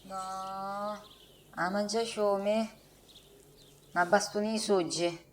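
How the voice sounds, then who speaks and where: A woman's voice: medium pitch, steady tone, very slow. A woman performs an exasperated working-class Catania wife in a comic film dub. She complains dramatically in broad Sicilian dialect, with a hot temper. There is noisy ambience behind her voice.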